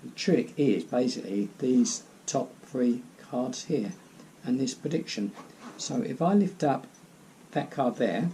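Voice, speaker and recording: A man's voice: medium pitch, expressive, unhurried, dark tone, a little hiss or hum, low-quality recording. A man giving casual card magician patter as host, rambling step by step, repeating phrases and adding self-deprecating asides.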